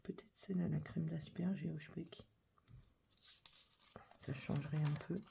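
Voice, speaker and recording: A woman reading a supermarket catalogue aloud as whispered ASMR, with a breathy whisper and soft, chatty asides. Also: low voice, fairly even intonation, unhurried, slight background noise. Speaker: catalogue reader.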